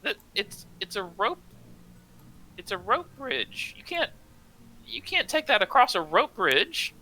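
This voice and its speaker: A man voicing a small, fussy gnome guard in a tabletop game, high-pitched, stammering and flustered as he insists. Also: very animated, unhurried, sharp tone, heavily acted, low-quality recording. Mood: worried, insistent.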